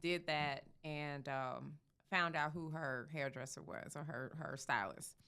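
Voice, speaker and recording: A woman's voice: deep voice, unhurried, smooth. A young woman from St. Louis, a makeup artist, chatting casually in an interview with lots of fillers and retold dialogue. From St. Louis, USA. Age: young adult. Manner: relaxed, chatty, many fillers and quoted dialogue.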